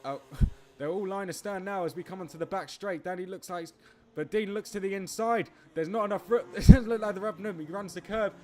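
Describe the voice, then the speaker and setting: A man calling a kart race live, excitable, breaking into laughs and tripping over his words. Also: high voice, a little fast. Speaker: race commentator. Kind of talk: live motorsport commentary.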